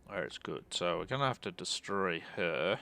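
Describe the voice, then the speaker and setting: A man's voice: low voice, animated, moderate pace, gravelly, bright, forceful tone, a little hiss or hum. A man streaming a strategy game, thinking aloud and muttering casual commentary as he plays.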